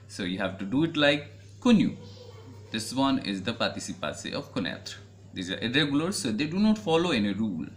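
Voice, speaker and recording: A man's voice: lowish voice, fairly bright tone, a little hiss or hum. A man with an Indian English accent teaching a French grammar lesson, spelling out letters and patiently repeating each point.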